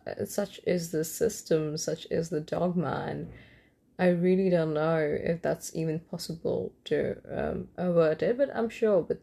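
A young woman from Kolkata, India, hosts her own podcast while nursing a cold, delivering a loose, rambling late-night monologue. Her low voice has a gravelly fry and a dark, mellow tone. She often pauses on ums, restarts sentences and lets out light laughs.

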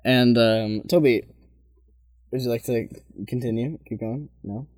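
Chatty guy on a podcast teasing his buddy, slightly lower voice, dry close mic. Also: unhurried, darkish tone, dry recording. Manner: playful, teasing, chatty, quotes people in their own voices. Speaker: podcast co-host. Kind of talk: casual chat, telling stories.

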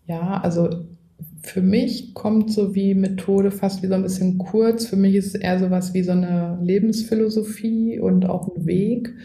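A woman's voice: mid-range voice, fairly even intonation, moderate pace, dark tone, echoey room. A woman coach, a guest in a podcast interview, who explains at length and often adds a tag question. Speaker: coach and trainer.

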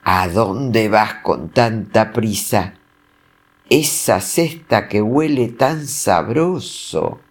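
A man's voice: lowish voice, expressive, extremely slow, exaggerated voice. A man voicing a vain, hot-tempered lion who boasts and roars in a storybook reading. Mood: sniffing. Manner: boastful, roaring. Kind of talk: storybook voice acting.

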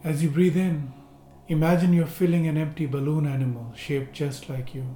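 A man leads a seated meditation in a slow, gentle, unhurried way, leaving long pauses between instructions. His voice is mellow and dark at a middle pitch. The room gives a roomy echo, with soft music faint underneath. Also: steady tone. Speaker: meditation guide. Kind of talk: guided relaxation instruction.

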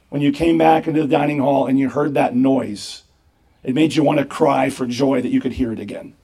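An older man, a priest, giving an animated sermon to campers with a hoarse, worn voice. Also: on the high side. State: hoarse, voice nearly gone. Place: camp gathering.

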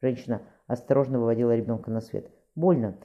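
A man reading an audiobook aloud, quick and even, with small slips. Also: mid-range voice. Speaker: audiobook reader. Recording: muffled lo-fi recording.

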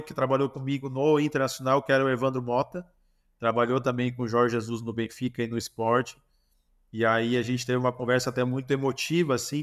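A Brazilian man in his forties, a former goalkeeper, tells lively stories as a guest in an interview, with a Brazilian Portuguese accent. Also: medium pitch. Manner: animated, lively storytelling with acted dialogue. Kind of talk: storytelling interview answers.

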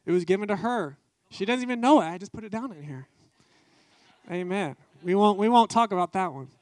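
High-voiced fervent male preacher. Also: expressive, brisk, a little mellow, dry recording. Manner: fervent, emphatic preaching with repeated phrases. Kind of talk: testimony sermon.

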